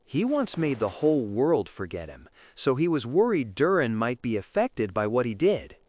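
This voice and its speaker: A man's voice: medium pitch, very animated, normal speed, a little mellow, natural voice. Game role: male actor as composed, observant young man, matter-of-fact but varied intonation, noisy track. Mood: explanatory. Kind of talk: video game character acting.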